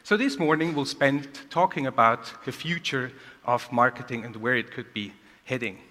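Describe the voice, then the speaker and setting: Male keynote speaker, energetic, bright and fairly high voice, big echoing conference hall. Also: moderate pace. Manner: energetic, rhetorical questions.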